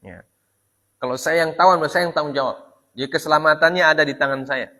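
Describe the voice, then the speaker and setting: A male religious teacher gives an Islamic study lecture in an echoey hall with long reverb, reading Arabic text slowly before retelling it in Indonesian, often adding "ya". His voice is fairly high, bright, and forceful.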